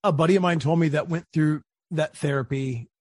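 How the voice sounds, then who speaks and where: Man, interviewer, casual, animated storyteller, husky, fairly high voice. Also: a little fast, dry recording, studio quality. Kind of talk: conversational interview.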